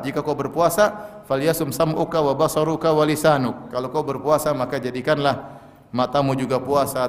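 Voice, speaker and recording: A man's voice: mid-range voice, big-room sound. A man preaching a sermon earnestly, quoting Arabic scripture and repeating his key points. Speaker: Islamic preacher.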